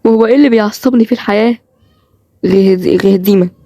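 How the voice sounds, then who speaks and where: A woman's voice: mid-range voice, fast talker, mellow, no room sound, close to an everyday voice. A woman voicing Tamim, an irritable young man with an Egyptian accent who grumbles in exasperation. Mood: irritated. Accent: Egyptian Arabic.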